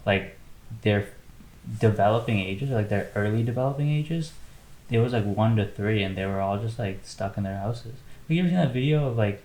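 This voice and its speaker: A young man talks in a relaxed, reflective way as a podcast co-host. His voice is low. The sound has a roomy echo. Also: a little fast. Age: young adult. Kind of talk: casual chat.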